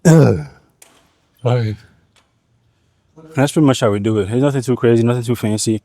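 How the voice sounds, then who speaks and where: A man's voice: mid-range voice, steady tone, fast talker, dark tone, dry recording. A man vlogging from the gym, coaching viewers through a back workout in a laid-back, slangy way, a little out of breath. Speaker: fitness vlogger. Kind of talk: casual gym vlog talk to camera.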